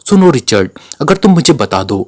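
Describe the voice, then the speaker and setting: A man's voice: on the high side, big pitch swings, brisk, darkish tone. A man voicing a cold, commanding secret agent in a spy story read aloud. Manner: cold, serious delivery.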